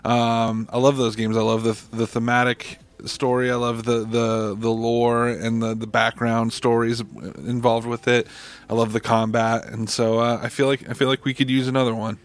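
Brief: relaxed male co-host, mid-pitched, rambling thoughtfully. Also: normal speed. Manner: thoughtful, loose, frequent fillers. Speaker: podcast co-host. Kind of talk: casual podcast chat.

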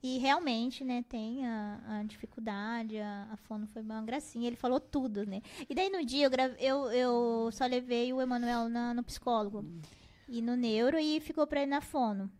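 A Brazilian woman, a mother of four, telling family stories in a relaxed interview and acting out her kids' voices. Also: on the high side, moderate pace. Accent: Brazilian Portuguese. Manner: animated storytelling, acts out her kids, laughs often. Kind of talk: casual interview chat.

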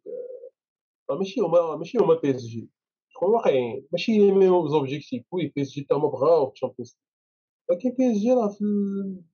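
A man's voice: on the high side, slightly rough. A man with a Moroccan accent giving opinions in a casual football discussion, mixing in French phrases, on a slightly dull recording.

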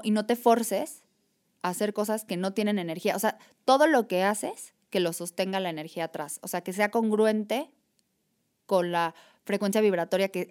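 Woman guest, animated reflective conversational delivery. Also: medium pitch. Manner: animated, reflective, repeats "o sea" and "¿sabes?". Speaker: podcast guest. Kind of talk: casual conversation.

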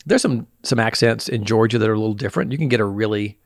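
A man's voice: fairly low pitch, quick pace, no echo, studio quality. A man with an Alabama Southern accent, hosting a casual podcast chat in an easygoing way. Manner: easygoing, laughs along. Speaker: podcast host. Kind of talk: casual conversation.

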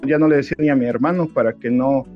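A man with a Mexican accent, telling stories in relaxed casual chat. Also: mid-range voice, fast talker, soft background music. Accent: Mexican Spanish. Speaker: podcast co-host. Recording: dull lo-fi sound.

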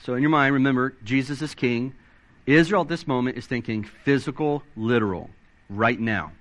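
A man preaching a sermon, excitable and animated, reading scripture aloud and swinging his pitch up and down as he stresses points. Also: moderate pace. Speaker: pastor.

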